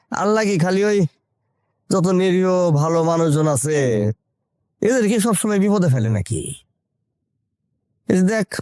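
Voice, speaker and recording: A sympathetic middle-aged village uncle who muses about his neighbours. His voice sits high and moves up and down a lot. The sound is dry and close. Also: mellow, dry recording. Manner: musing and sympathetic.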